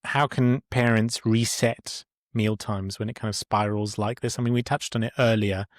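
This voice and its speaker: A man with a fairly low voice hosts a relaxed podcast chat. He talks in a halting way, full of ums and restarts. The sound is dry and close, with no room around it. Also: dry recording. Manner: hesitant, many fillers and restarts. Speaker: podcast host. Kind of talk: casual conversational interview.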